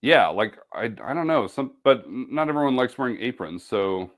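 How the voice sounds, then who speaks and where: Man, sewing ambassador, casual live-stream demo, chatty, self-deprecating, lively pitch. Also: normal speed. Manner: chatty, self-deprecating, hums and makes beep noises while working.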